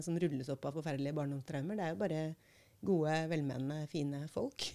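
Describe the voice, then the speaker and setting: A woman reading a book passage aloud and talking it through in a measured, thoughtful way as a podcast host. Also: on the low side, mellow.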